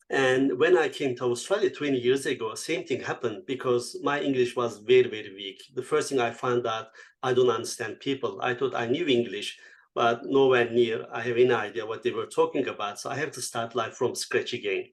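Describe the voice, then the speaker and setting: A man's voice: mid-range voice, normal speed. A man in his fifties from Turkey with a Turkish accent, a guest speaker answering interview questions reflectively, with frequent fillers and non-native English phrasing.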